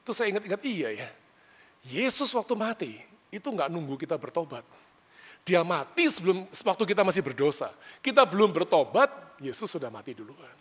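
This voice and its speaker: Male preacher, conversational sermon voice, lively, long reverb of a hall. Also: sits high, brisk, slightly rough. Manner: animated, conversational, rises sharply when retelling arguments. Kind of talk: sermon with personal storytelling.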